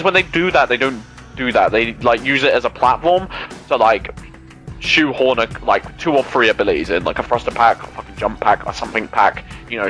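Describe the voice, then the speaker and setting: A young man with a mid-range voice hosts a gaming channel, chatting casually over gameplay. His animated, rambling rants are full of swearing and filler words.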